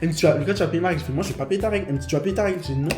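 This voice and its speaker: A man's voice: on the high side, racing. A young man telling a story in casual chat, acting out the dialogue with animation. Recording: roomy room with music behind.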